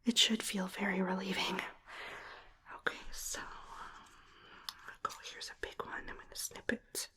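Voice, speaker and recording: Female ASMR performer for whispered role-play: breathy whisper, soothing and unhurried, very close on the mic. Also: medium pitch, level tone. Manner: soothing, unhurried, murmured asides. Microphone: close ear-to-ear stereo microphone.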